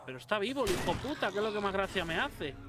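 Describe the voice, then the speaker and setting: An excitable man with a Spain Spanish accent gives casual let's-play commentary. His voice sits a little high, and he swears freely while joking at the game. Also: fast talker, music in the background. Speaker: gameplay commentator.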